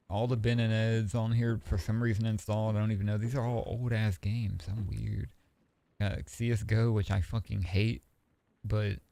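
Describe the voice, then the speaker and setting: Gravelly low-voiced man chatting casually. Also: no echo. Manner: relaxed, rambling, swears freely. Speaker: streamer. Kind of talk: casual stream chat.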